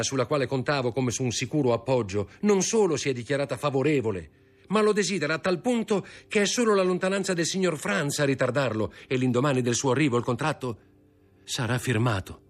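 A man's voice: mid-range voice, pitched above the performer's own voice, natural voice. A man voicing a distraught young woman in an audiobook reading, pleading and tearful. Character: anguished young woman, devoted and dutiful.

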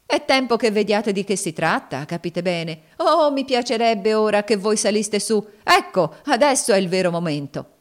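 A woman's voice: mid-range voice, expressive, moderate pace, few pauses, voice pushed up, lightly acted. A woman voicing a cold, mocking woman who taunts her master in a dramatic audiobook reading. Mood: mocking, taunting. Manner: scornful, sneering.

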